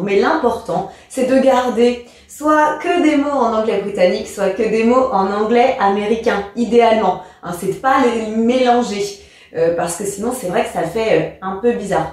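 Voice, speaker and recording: A woman's voice: a little high, a little mellow, recorded from a distance. Woman teacher in an echoey room. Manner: patient, speaks to the child as tu, spells letters out. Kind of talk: explaining an English lesson to a pupil.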